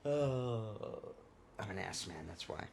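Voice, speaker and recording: A man's voice: lowish voice, animated, takes it slowly, creaky, background noise. A man hosting a casual podcast, talking loosely and joking, swearing now and then. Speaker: podcast host.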